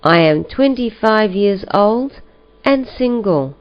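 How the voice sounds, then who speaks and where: Slow, careful woman reading a listening test. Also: medium pitch, animated, clean tone. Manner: slow, careful, evenly paced delivery. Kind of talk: slow scripted reading for learners. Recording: dull lo-fi recording.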